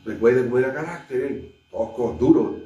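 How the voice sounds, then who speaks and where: A man, a pastor with a Chilean Spanish accent, preaching a sermon and acting out scripture scenes, swinging between loud and hushed delivery. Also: mid-range voice, normal speed, muffled recording. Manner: retells scripture with acted dialogue, shifts between loud and hushed. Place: church sanctuary. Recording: echoey church from far off, faint noise.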